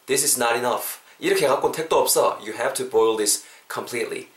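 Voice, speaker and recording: A man hosting a casual English lesson podcast, animated and mixing English phrases into his explanations. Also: medium pitch, a little slow. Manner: animated, spells words out, mixes English phrases. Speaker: English teacher podcast host. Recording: roomy echo.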